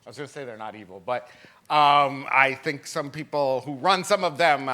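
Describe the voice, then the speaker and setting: A man in his fifties, a film distributor speaking on a festival panel, animated, laughing often and restarting sentences. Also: medium pitch, normal speed. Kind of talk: panel discussion. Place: festival symposium panel stage.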